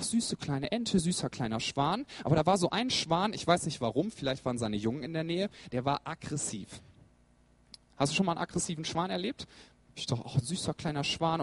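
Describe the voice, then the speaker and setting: A man preaching a sermon, who tells funny stories and speaks straight to his listeners with questions. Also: fairly high pitch. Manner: humorous storyteller. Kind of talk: sermon with personal anecdote.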